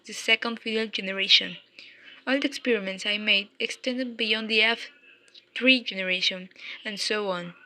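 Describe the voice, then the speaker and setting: A woman reads a school report aloud in the first person, speaking as a nineteenth-century scientist. Her voice is bright and a little high. She keeps to her script, tripping over a word now and then and correcting herself. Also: poor audio. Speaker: student presenter speaking as a historical scientist.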